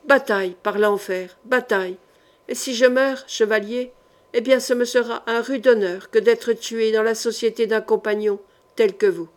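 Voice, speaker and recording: A woman voicing a hot-blooded male knight who shouts and grumbles over his damaged house. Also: fairly high pitch, steady tone, normal speed, natural voice. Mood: fiery. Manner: loud, fiery, grumbling.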